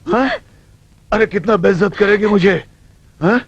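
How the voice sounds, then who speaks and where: An actor playing a bitter, humiliated stage performer who lashes out in film dialogue. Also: male voice, high-pitched, unhurried, slightly rough, no room sound, lo-fi sound, exaggerated voice. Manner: bitter, shouting.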